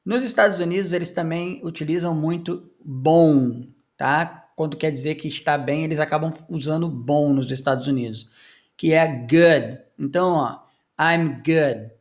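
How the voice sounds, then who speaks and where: A man teaching English to Portuguese speakers, modeling short phrases slowly and repeating each one twice. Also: a little high. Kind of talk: language lesson with repetition drills.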